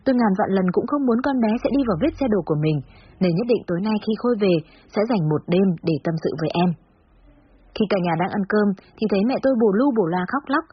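A woman's voice: medium pitch, expressive, fast talker, breathy edge, highs cut off. A woman narrating a first-person story in a reflective, confiding way.

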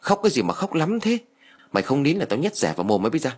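A man voicing a harsh old peasant grandmother who curses and yells at her family. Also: medium pitch, very animated, quick pace, slight background noise, pitched above the performer's own voice, natural voice. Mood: yelling. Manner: harsh, cursing, yelling.

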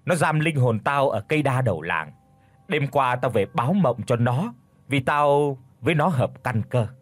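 Man doing gruff booming old ghost grandpa, bossy, husky. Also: lively intonation, moderate pace, no room sound, lightly acted. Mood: commanding. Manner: commanding, scolding.

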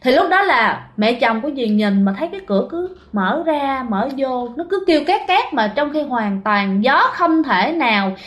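A woman's voice: high-pitched, animated, moderate pace, hardly any pauses. A woman telling a ghost story in a chatty way, often speaking straight to her listeners. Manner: chatty, addresses listeners directly. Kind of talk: casual ghost story narration.

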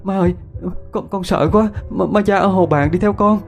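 A man's voice: high-pitched, fairly quick, a little mellow, faint music behind, voice pushed up, natural voice. A man voicing a frightened young village girl who pleads and sounds close to tears. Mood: scared, pleading. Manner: pleading, tearful.

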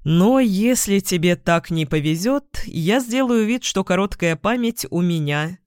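A kind young man who keeps his cool, voiced by a woman reading. Unhurried and gently wry, recorded dry and close. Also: fairly low pitch, expressive, smooth, dry recording. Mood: calm, wry. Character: good-natured young man, calm and patient.

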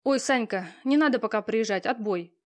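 Brisk, bossy mother on the phone, a woman doing the voice in an audiobook. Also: a little high, darkish tone, close to an everyday voice. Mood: pushy. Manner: curt, pushy, businesslike. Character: brisk busy middle-aged mother on the phone. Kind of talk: audiobook character reading.

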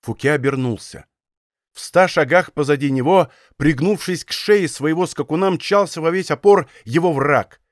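A man's voice: on the high side, no room sound. Dry-voiced male audiobook narrator. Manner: measured, dramatic storytelling. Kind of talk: scripted narration. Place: recording studio.

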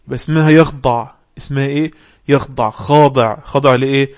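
A male teacher with an Egyptian Arabic accent and a mid-pitched voice. He reads English text slowly, word by word, and then switches to fast, conversational explanation. He keeps putting questions to his students. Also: fairly even intonation. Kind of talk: online English lesson on religious text.

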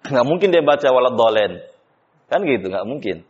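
A man's voice: mid-range voice, sing-song, moderate pace, a little mellow, slightly rough. A man teaching Quran recitation rules in a class, explaining step by step, quizzing students with questions and sometimes chanting the examples. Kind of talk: classroom tajwid lesson. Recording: dull lo-fi class recording.

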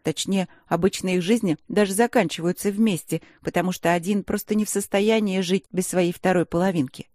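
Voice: medium pitch, fairly even intonation, a little fast, hardly any pauses, a little mellow, no echo, studio quality, lightly acted. A narrator voicing a young, proud female werepanther student in a fantasy audiobook, sassy and indignant. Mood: earnest. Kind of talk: audiobook character voice.

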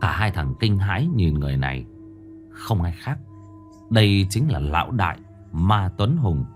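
A man narrating a dark crime story in a grave, dramatic manner. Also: low-pitched, sing-song, normal speed, music in the background.

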